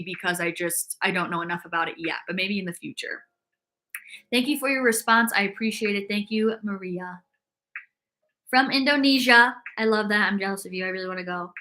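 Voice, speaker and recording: A young woman with a medium-pitched, pushed and bright voice hosts a casual fitness livestream. She chats upbeat, reads viewer comments aloud, and fills her speech with lots of "like."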